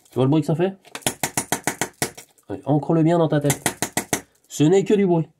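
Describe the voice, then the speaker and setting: A man hosting his own channel, rambling in a live monologue to the camera, excitable and digressive, talking to himself and swearing. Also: a little high, normal speed, background noise. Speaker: channel host.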